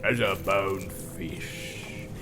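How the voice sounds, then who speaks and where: A man voicing a snarling, brutal male orc captain with a growling, gravelly voice. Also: low-pitched, steady tone, very slow, over music, pitched below the performer's own voice. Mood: gloating.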